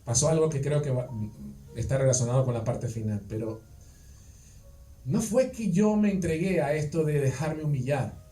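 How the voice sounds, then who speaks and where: A man's voice: a little high, moderate pace, dark tone. Male preacher, conversational sermon, roomy distant church sound. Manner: conversational, rhetorical questions, checks on listeners. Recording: echoey church, distant mic, faint music.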